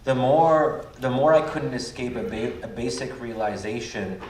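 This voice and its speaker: A man's voice: medium pitch, steady tone, a little slow, darkish tone. A man in his thirties, a guest at a public panel, speaking reflectively with many "um"s. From United States. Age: 30s. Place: public event hall. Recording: echoey hall, mic at a distance, faint noise.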